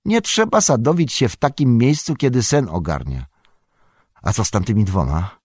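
A man's voice: mid-range voice, expressive, moderate pace, darkish tone, husky, no room sound, studio quality, voice pushed up. A man voicing a sturdy young male hobbit, suspicious and stubborn, in a storybook reading. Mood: determined. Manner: suspicious and fiercely loyal.

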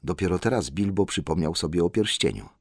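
A man with a deep voice reads a storybook aloud, expressive and full of movement in his pitch. The recording is dry and close, with no room sound. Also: fairly quick, gravelly, slightly rough, dry recording. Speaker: audiobook narrator. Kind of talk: scripted narration.

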